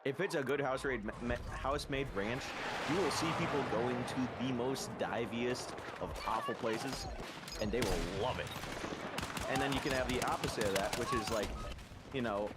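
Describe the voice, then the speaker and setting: A man's voice: medium pitch, moderate pace, very noisy. A man from the American Midwest chatting casually while gaming, rambling and swearing now and then. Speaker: podcast host and gamer. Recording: loud game gunfire behind. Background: game gunfire and explosions.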